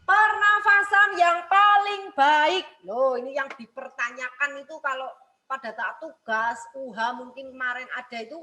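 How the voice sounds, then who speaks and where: A woman's voice: high-pitched, sharp tone, poor audio. A woman teacher explaining singing technique step by step, repeating each point and checking in with a questioning "ya". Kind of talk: music lesson broadcast.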